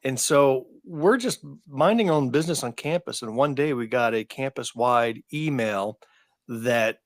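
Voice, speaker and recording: A man in his fifties co-hosts a podcast, talking in a mid-pitched voice and drifting into long, rambling stories. The sound is dry and close, with no room around it. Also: expressive, moderate pace, no room sound. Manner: rambling anecdotal storyteller. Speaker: podcast co-host. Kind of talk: casual chat.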